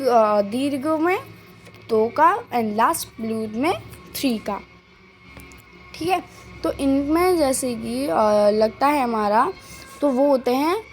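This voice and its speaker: High-pitched woman teacher going over grammar, keeps asking "understand?", throws in english words, soft music in the back. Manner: repeats points and quizzes the listener. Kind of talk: grammar lesson.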